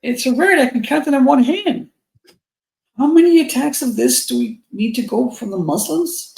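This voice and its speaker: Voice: high-pitched, lively intonation, moderate pace, gravelly, darkish tone. A podcast co-host in a casual, heated opinion chat, speaking bluntly and stumbling over restarts, with a strong echo around the voice. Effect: echoey sound, as if in a big bare room. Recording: echoey, roomy mic sound.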